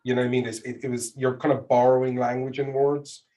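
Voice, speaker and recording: A middle-aged man from Dublin speaks with a local Irish accent at a medium pitch. He chats informally as an interview guest, pausing and rephrasing as he thinks aloud. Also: level tone, warm tone. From Dublin, Ireland. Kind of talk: casual conversational interview.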